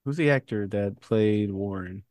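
A man's voice: lowish voice, unhurried, a little mellow, no echo. Rambling man in dry casual chat. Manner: rambling, filler-heavy, swears casually. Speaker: podcast co-host.

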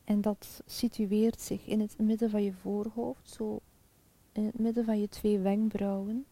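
A woman guiding a chakra meditation in a soft, calm, half-whispered spa-like voice with long pauses. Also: medium pitch. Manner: slow, calm, soothing, with pauses. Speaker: meditation guide.

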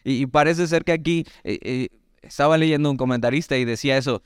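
A Mexican man with a Mexican Spanish accent preaching a sermon, teaching through a Bible passage in a conversational way with lively asides and slow readings of scripture. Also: medium pitch, smooth, dry recording, clean studio sound. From Mexico, Veracruz. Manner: conversational, animated asides, reads scripture slowly.

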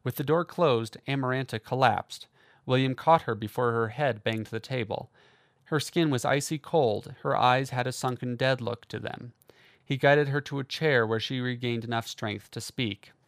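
A man reading a fantasy novel aloud in a steady, measured way. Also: medium pitch, dry recording, studio quality. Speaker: audiobook narrator. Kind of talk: scripted fantasy novel narration.

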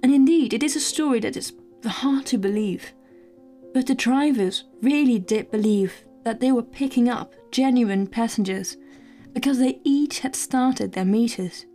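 Podcast lady narrating a spooky story, kinda high voice, lots of ums and restarts, soft music behind. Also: measured pace. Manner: hesitant, many fillers and restarts, earnest. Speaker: podcast host.

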